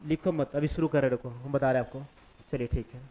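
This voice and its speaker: A man's voice: mid-range voice, fairly even intonation, fast talker, warm tone, rough recording. A man teaching a physics class in Hindi-accented speech, explaining step by step and often asking the students whether they follow. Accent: Hindi-speaking eastern India. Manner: conversational, keeps checking understanding with the class. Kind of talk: classroom lecture.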